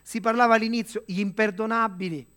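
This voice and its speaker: A man delivering a sermon in an earnest, measured way, with dramatic pauses and direct questions to the listener. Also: sits high, steady tone, fairly bright tone, clear, resonant tone. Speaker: preacher.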